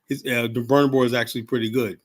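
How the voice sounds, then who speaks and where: A man's voice: mid-range voice, little pitch movement, fast. An older man in his seventies hosts a casual live stream. He rambles from one point to the next and speaks bluntly, with plenty of profanity and a habitual "you know?" at the end of his thoughts. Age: 70s. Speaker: livestream host.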